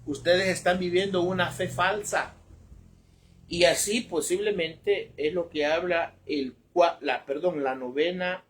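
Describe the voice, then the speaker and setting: A man's voice: high voice, steady tone, a little slow, a bit bright, slight background noise. A man preaching a sermon emphatically, repeating phrases for stress and correcting himself as he goes. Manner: corrects himself mid-sentence.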